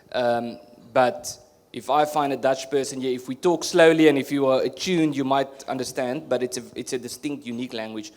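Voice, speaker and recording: In a conference hall, a South African man, a native Afrikaans speaker with an Afrikaans accent, answers as a panel discussion guest. He's earnest and explanatory, often restarting his sentences. His voice is medium-pitched with a darkish tone.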